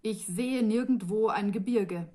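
A woman's voice: medium pitch, unhurried, warm tone, lightly acted. A woman voicing an earnest, restless young male sorcerer apprentice in a fantasy audiobook, with an insistent, impatient way of asking and ordering. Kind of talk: audiobook reading of a fantasy novel.

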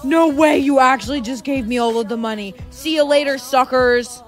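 Brief: woman doing a taunting greedy con artist in a comedy skit, higher pitch. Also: moderate pace, faint music behind, lightly acted. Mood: gloating. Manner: gloating, taunting. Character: greedy scheming young woman swindler.

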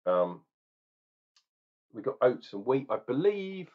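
Here a man in his forties speaks slowly in a mid-range, sing-song voice as he reviews a beer indoors in a small home room. Talking casually into the webcam at his desk, he rambles, jokes and shares strong opinions, all captured with dull, lo-fi webcam sound.

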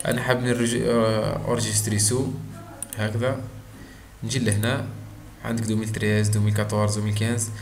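Hesitant Algerian man teaching software. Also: mid-range voice. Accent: Algerian Arabic. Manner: hesitant, frequent drawn-out fillers, mixes in French terms. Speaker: software instructor. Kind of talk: screen-recorded software tutorial. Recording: roomy echo with faint background noise.

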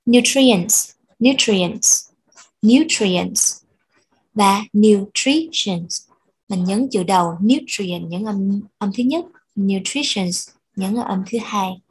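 A woman's voice: mid-range voice, a little slow, a little mellow, husky, rough recording. A woman teaching English vocabulary, explaining patiently and repeating words for pronunciation. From Vietnam. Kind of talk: bilingual language lesson.

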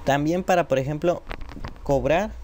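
A man walks viewers through an informal screen-recorded tutorial step by step, speaking to them directly. His voice is fairly high, moderately paced and a little mellow, captured on a noisy home computer microphone.

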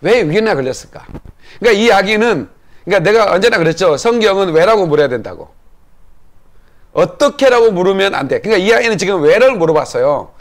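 A man's voice: high-pitched, lively intonation, fast talker. A male pastor giving a Bible lesson in sermon style, explaining step by step and checking in with the congregation through questions and calls for amen.

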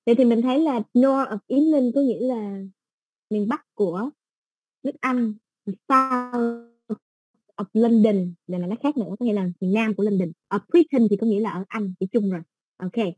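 Southern Vietnamese woman, English tutor, casual patient explainer, warm tone, dry sound. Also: fairly high pitch, no room sound. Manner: patient, explains step by step with soft fillers. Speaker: English teacher. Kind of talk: casual exam-prep lesson.

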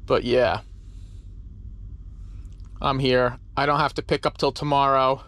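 With a mid-range, level, slightly bright voice and a somewhat slow pace, an easygoing trucker vlogs casually to a handheld camera at arm's length, rambling with many fillers. He begins outside in a truck stop lot and later talks from inside his cab. There's no room sound.

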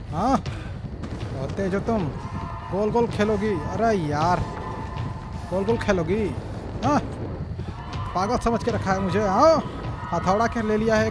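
A high-pitched man rattles off loud, playful let's-play commentary, yelling and taunting the enemies on screen. Clear game music plays behind his voice the whole time. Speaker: gamer commentating a horror game.

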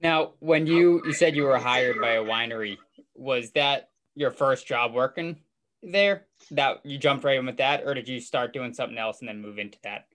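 A woman's voice: very deep voice, normal speed. A woman hosting a podcast, upbeat and welcoming as she introduces a guest and asks questions. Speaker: podcast host. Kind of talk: podcast interview.

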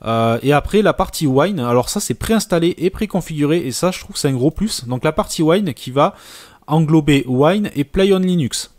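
A man's voice: on the high side, normal speed, no echo, studio quality. Hesitant man talking through a tutorial. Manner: relaxed, many filler hesitations. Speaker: computer tutorial presenter. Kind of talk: casual screen-recorded tutorial.

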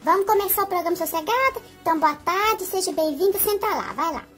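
A woman voicing a patient middle-aged female talk-show host in a doll play, calming and scolding a rowdy guest in a motherly way. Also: very high-pitched, fast, loud music behind the voice.

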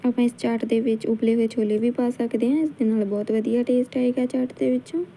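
A woman with a Punjabi accent, calmly explaining a cooking recipe step by step as a channel host. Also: on the high side, fast talker, slight background noise, poor audio. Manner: calm step-by-step instruction. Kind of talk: cooking tutorial narration.

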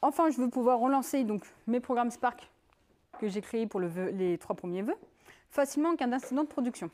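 A woman giving a technical conference talk, in a lively conversational way with many fillers and asides. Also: on the high side, fairly quick. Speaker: conference speaker.

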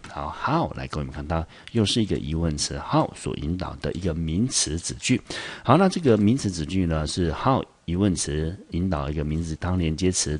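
A man's voice: very deep voice, husky. A male English teacher with a Taiwanese Mandarin accent, explaining a word step by step and asking the class questions. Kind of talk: vocabulary lesson. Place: school teaching studio.

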